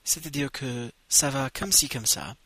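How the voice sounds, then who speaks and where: Slow, bright-toned male language teacher. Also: mid-range voice, breathy edge, no room sound. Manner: slow, drawn-out model phrases for repetition. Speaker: English teacher. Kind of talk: bilingual language lesson.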